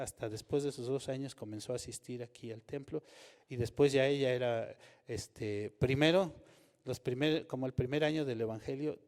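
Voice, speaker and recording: A man, preaching a sermon at a middle pitch. He delivers it in an animated way and keeps asking the congregation questions. His voice rings through a reverberant church hall. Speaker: pastor.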